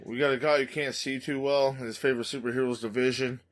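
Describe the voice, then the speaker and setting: A man's voice: mid-range voice, steady tone, quick pace. A man co-hosting a podcast in casual chat, joking and swearing freely while plugging the show. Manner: joking, profane, hype-man plugs. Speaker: podcast co-host.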